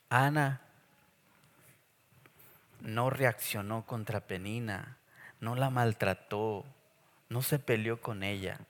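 High-voiced man preaching in an echoing hall. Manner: lively, jokey preaching with acted asides. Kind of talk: sermon. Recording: long echo of a church hall.

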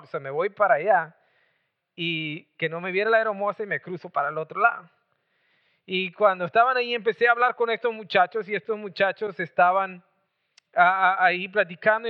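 Mexican-born preacher guy telling a story, chatty, keeps restarting, high voice, tinny phone-like sound. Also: clean tone. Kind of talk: storytelling sermon.

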